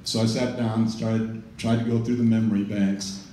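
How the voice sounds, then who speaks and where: A middle-aged man gives an informal memorial speech, wandering through his thoughts with constant fillers and dry little jokes. His voice is dark and mellow, and it is picked up from a distance in a very echoey room with faint ambient noise behind it. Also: on the low side, flat delivery, moderate pace. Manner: rambling, full of "you know", wry jokes. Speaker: eulogy speaker. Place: large event room.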